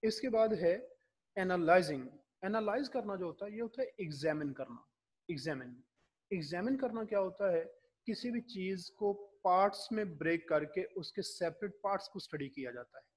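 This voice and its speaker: Guy teaching a class, kinda husky, voice sits a bit high, throws out questions then answers them. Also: lively intonation. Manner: mixes Urdu with English terms, poses rhetorical questions. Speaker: lecturer. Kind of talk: classroom lecture.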